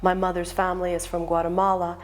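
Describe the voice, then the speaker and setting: A woman's voice: on the low side, completely flat delivery, quick pace. A woman, working in international development, giving a composed interview answer. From United States. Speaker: development official.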